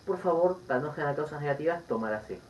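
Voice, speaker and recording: Docente haciendo de viejo monje asustado. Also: male voice, on the high side, expressive, very fast, recorded from a distance, dull audio, slight background noise, close to an everyday voice. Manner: anxious pleading. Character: timid, frightened old male monk.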